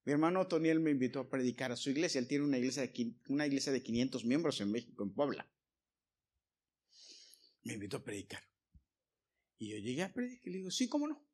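A man's voice: mid-range voice, expressive, fast talker, long pauses, a little mellow. A man preaching a sermon, telling anecdotes with quoted dialogue and direct asides to the congregation.

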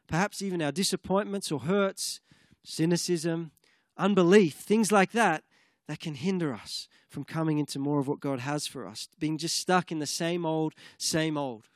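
An earnest man delivering a sermon, his voice sitting a little higher than most men's. The sound is dry and close, with no room echo. He sometimes moves into fervent spoken prayer. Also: moderate pace. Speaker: preacher.

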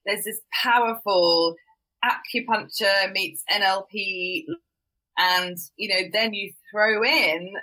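A woman's voice: mid-range voice, steady tone, slow, sharp tone, low-quality recording. A woman hosting a podcast and live stream, chatting in a bubbly, gushing way and laughing often. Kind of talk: casual interview chat.

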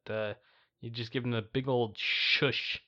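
A man's voice: medium pitch, steady tone, measured pace, sharp tone. A man co-hosting a podcast, chatting casually and teasing his co-host in a laid-back way. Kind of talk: casual chat. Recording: dull lo-fi sound.

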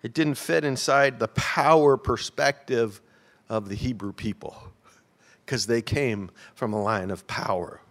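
Male pastor, lively storytelling sermon, loud peaks and quiet asides, mid pitch. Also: measured pace. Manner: animated storytelling, swings from loud emphatic peaks to hushed low asides.

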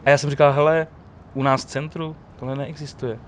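A Czech man telling lively stories in a casual chat, quoting the people he met. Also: on the high side, a little hiss or hum. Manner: animated storyteller, quotes others. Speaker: guest telling of police ride-alongs.

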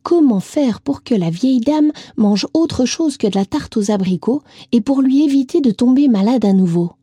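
Female children's storyteller; mellow, higher voice, gentle and lively, faint music under. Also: normal speed, slightly rough, dry recording, studio quality. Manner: gentle, lively, speaks directly to a child listener.

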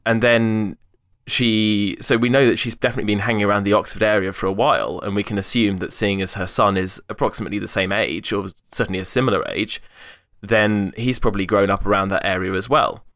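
A young podcast host chats casually about accents, explaining his points with eager detail and restarting often in a hesitant way. His voice is on the low side, brisk and a bit bright, with fairly even intonation and clean, echo-free studio sound.

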